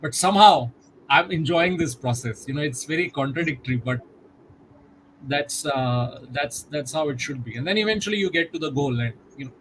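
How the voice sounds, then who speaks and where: A middle-aged man, a guest in a conversational interview, speaking in a reflective, measured way with many "you know" fillers over a video call. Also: fairly high pitch, expressive, fairly bright tone, slight background noise, low-quality recording.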